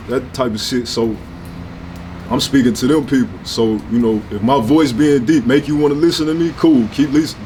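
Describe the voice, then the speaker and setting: Brash young St. rapper talking. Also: male voice, mid-range voice, darkish tone, slight background noise. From St. Louis, USA. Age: 20s. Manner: brash, profane, slangy. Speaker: rapper, interview guest. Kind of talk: casual sit-down interview talk.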